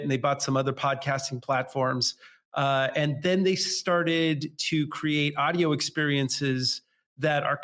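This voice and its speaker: A man's voice: on the high side, a bit bright. A man co-hosting a marketing podcast in casual chat, eager and often restarting his sentences. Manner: enthusiastic, stumbling restarts. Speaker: podcast co-host.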